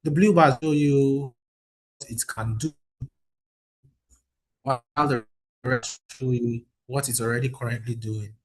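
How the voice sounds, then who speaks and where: A man's voice: medium pitch, steady tone, measured pace, pauses often, low-quality recording. Man on a glitchy, breaking-up call. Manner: hesitant, repeats and corrects himself. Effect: choppy, breaking-up video call audio. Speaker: presenter. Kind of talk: online presentation. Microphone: video call.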